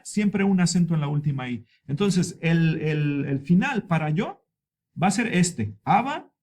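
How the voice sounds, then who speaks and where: A male Spanish teacher explaining verb endings at a board, patient and repetitive, stretching example words out slowly for learners. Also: a little high, darkish tone.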